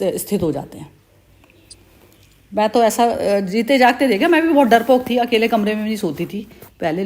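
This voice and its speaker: A woman hosting a spiritual group discussion who laughs often and speaks candidly. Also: on the high side. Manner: laughs often while talking, relaxed and candid. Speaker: session host.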